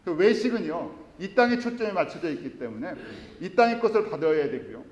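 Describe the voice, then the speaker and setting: A man's voice: a little high, big pitch swings, brisk, darkish tone, lo-fi sound. A male pastor preaching a sermon, earnestly asking his congregation questions and then answering them himself. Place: church sanctuary. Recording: echoey church hall.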